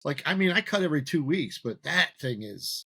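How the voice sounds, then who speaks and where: A man's voice: fairly high pitch, big pitch swings, fairly quick, vocal fry, bright, forceful tone, husky. A man hosting a podcast episode in casual chat, giggly and self-deprecating. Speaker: podcast host.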